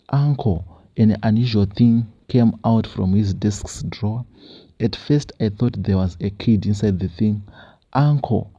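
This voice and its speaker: A low-voiced man hosting a confessions show, his tone very dark and mellow. He reads letters aloud, then turns preachy and repetitive as he urges listeners. The recording is dull and lo-fi, with a dry sound and no room echo. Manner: repetitive, exhorting preacher-like delivery. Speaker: host.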